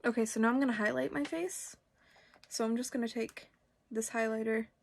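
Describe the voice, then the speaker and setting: Young woman doing a chatty tutorial, highish voice w lots of creak, rambly and says like a lot. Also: steady tone, a little fast, over music. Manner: informal, rambling, frequent "like". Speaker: makeup tutorial host.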